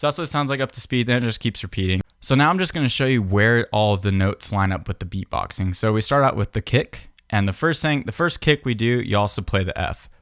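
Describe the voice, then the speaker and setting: A man's voice: on the low side, fast, hardly any pauses. A man giving a casual, patient step-by-step piano tutorial, often opening sentences with "so". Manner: relaxed, patient, starts many sentences with "so". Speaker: piano and beatbox teacher. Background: piano playing.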